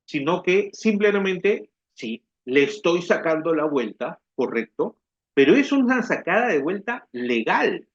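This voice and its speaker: A man lectures on tax law in a seminar, his voice sitting a little high for a man. He explains patiently and keeps stopping to ask whether his listeners follow. The recording is dull and lo-fi. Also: husky. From Peru. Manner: explanatory, repeats "¿ya?" to check understanding. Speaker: tax instructor.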